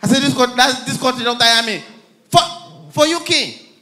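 A Nigerian man working a live comedy stage on a handheld mic, telling stories in lively fashion and acting out everyone in them. His voice sits high, with a bright, sharp edge. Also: moderate pace. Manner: lively storytelling, acting out characters. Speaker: stand-up comedian. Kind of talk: stand-up comedy routine.

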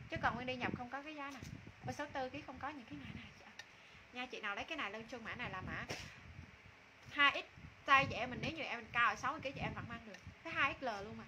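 A high-pitched woman hosts a live sale from a small room. She talks in repetitive, informal sales patter, naming prices and calling on buyers. Clear background noise sits behind her voice on the phone microphone. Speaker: live-stream clothing seller. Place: small indoor room with curtains.

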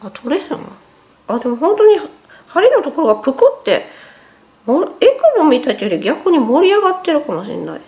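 A woman's voice: sits high, big pitch swings, a little fast, darkish tone. A woman, chatting casually in a home vlog, her speech a little sluggish and strained after nose surgery as she corrects herself along the way. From Japan. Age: 40s. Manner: chatty, self-correcting, talks while wincing in pain. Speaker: vlogger. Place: at home, indoors.

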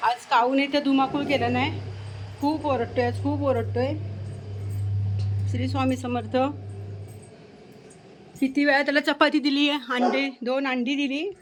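A high-pitched woman talks casually at home and keeps coaxing a crow to come and eat. Loud cawing and outdoor noise sit behind her on a phone recording. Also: flat delivery, measured pace, pauses often. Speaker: vlogger. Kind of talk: casual home vlog, talking to camera.

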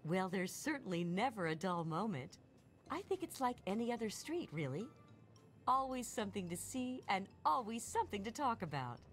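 An actress playing a prim, polite, gossipy suburban American housewife in a video game. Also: female voice, mid-range voice, very animated, normal speed, soft background music, natural voice. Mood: pleasant. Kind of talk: scripted video game dialogue.

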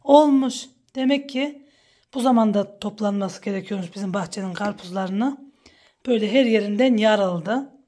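A woman vlogging about her village life, chatting warmly with her viewers and calling out to her animals in a high coaxing voice outdoors. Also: moderate pace, no echo. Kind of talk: casual vlog narration to viewers. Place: outdoors at a village farmyard and garden.

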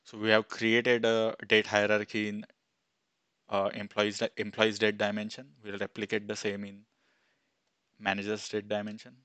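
Man, 30s, instructor, flat delivery, headset mic, dry small room. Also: on the low side, normal speed, clear, resonant tone, no room sound. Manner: plain step-by-step, thinking aloud with fillers. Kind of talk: screen-recorded software tutorial.

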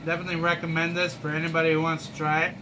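A man with a slightly high voice talks through a mouthful of food, casual and unhurried. He drops short phrases with pauses between them. A loud air-conditioning hum fills the room behind him. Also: level tone. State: mouth full. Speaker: food vlogger. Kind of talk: casual food review vlog.

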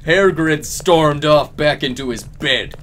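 A man reading narration in a comedic dramatic reading, with a drawn-out, theatrical delivery. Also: fairly high pitch, a bit bright, slight background noise. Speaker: co-reader.

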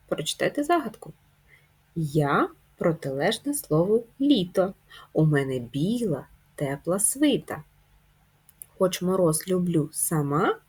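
A woman teacher giving a slow, deliberate lesson to young children, jumping up high on the key words. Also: husky. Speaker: primary school teacher.

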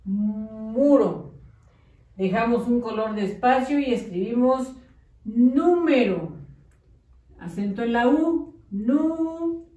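A woman teaching a slow early-literacy lesson, drawing out syllables and coaxing children to follow along. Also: a little high, expressive, dark tone, muffled recording. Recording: echoey room, mic at a distance.

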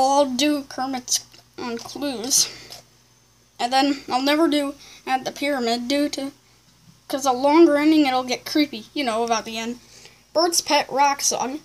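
High female voice, casual comment read-aloud, halting, rambling, off-the-cuff replies. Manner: halting, rambling delivery with self-corrections. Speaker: video creator reading viewer comments aloud.

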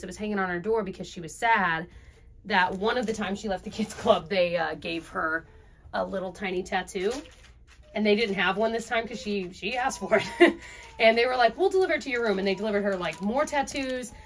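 A woman's voice: medium pitch, fairly quick. A young woman, a mother, talking casually for a cruise vlog, bubbly and giggly and gushing. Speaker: vlogger, mother. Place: cruise ship.

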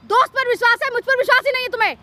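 A woman's voice: extremely high pitch, very fast, bright, forceful tone. A woman playing a young girlfriend in a staged skit, pleading and indignant as she insists she is telling the truth, outdoors in a park. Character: young girlfriend defending herself.

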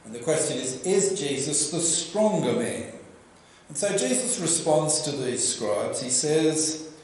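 An older Australian man preaching a sermon at a church lectern, telling the story in a lively way and asking the congregation questions. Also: on the high side, measured pace, slight background noise. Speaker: pastor. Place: church hall with projection screen. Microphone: lectern microphone. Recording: very echoey church room.

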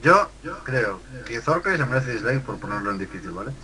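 A man's voice: mid-range voice, very animated, brisk, over a noisy crowd, poor audio. A man giving casual gameplay commentary with a friend, rambling, joking and swearing a lot. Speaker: gamer co-host.

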